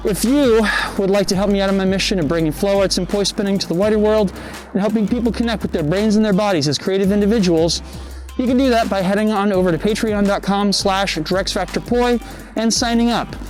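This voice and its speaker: A man's voice: high-pitched, fairly quick, darkish tone, faint music behind. A man hosting his own poi spinning channel, talking casually and upbeat to camera outdoors on a cold evening, out of breath. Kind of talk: casual vlog talk to camera.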